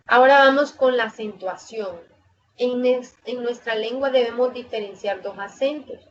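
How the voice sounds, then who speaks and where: A woman tutor giving an online lecture on spelling rules. She reads slides aloud, works through lists of example words and corrects her own slips as she goes. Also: a little high. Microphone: video call microphone. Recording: dull lo-fi video call audio with faint noise.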